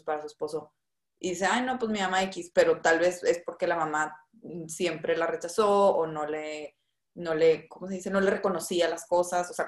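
A woman in casual conversation, asking questions and searching for words. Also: on the low side. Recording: echoey room.

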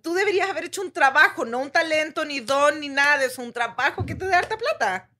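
A woman's voice: sits high, expressive, fast, pushed and bright. A young Chilean woman, a daughter, blunt and skeptical in a casual family chat. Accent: Chilean Spanish.

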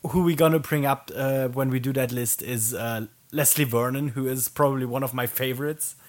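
A man co-hosting a podcast in relaxed casual chat, with a hesitant delivery. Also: mid-range voice, fairly quick. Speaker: podcast co-host.

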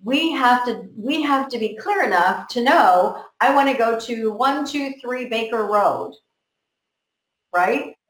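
In a roomy, echoing recording, a woman from America takes part in a motivational group conversation, earnestly repeating words as she sorts out her thinking. She speaks slowly in a slightly high, animated voice with a fairly bright tone.

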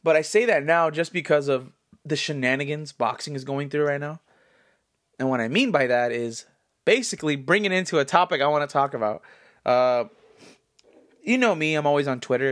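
A man in his twenties, congested, talking in a rambling, animated style full of fillers as a solo podcast host. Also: medium pitch, a little fast. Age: 20s. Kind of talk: casual solo commentary.

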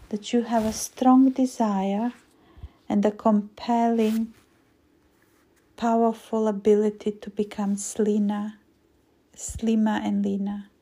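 A woman hypnotist guiding a hypnosis induction in a slow, soothing, repetitive voice, breathy and often trailing into a whisper. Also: on the high side, level tone, dark tone. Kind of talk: guided weight-loss hypnosis induction.

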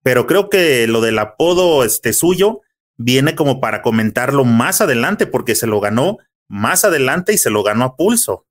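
Podcast host, friendly interviewer. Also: male voice, mid-range voice, sing-song, moderate pace.

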